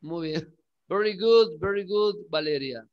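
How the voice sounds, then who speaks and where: A male English teacher giving a class, repeating words slowly and checking in with questions. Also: high voice, expressive, muffled recording. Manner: coaxing, checks in with frequent questions. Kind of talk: classroom lesson.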